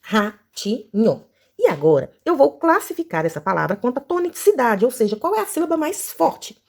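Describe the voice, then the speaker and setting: A Brazilian woman teacher guiding young children through a lesson, stretching out words slowly and singing syllables. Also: high-pitched, sing-song, creaky. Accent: Brazilian Portuguese. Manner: slow, sing-song syllables for children.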